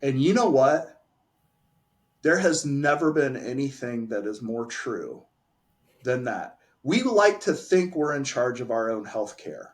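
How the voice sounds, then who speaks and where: A man's voice: mid-range voice, big pitch swings, unhurried. A man, a pharmacy owner, giving candid and emphatic answers in a casual interview. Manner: candid, emphatic, restarts phrases.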